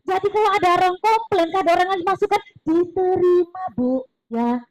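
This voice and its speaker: Woman giving a parenting talk, really high voice, dry sound, chatty and animated. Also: brisk, no echo, poor audio. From East Java. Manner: lively, chatty, mixes Javanese words, acts out voices of others. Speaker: parenting seminar speaker. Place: mosque hall.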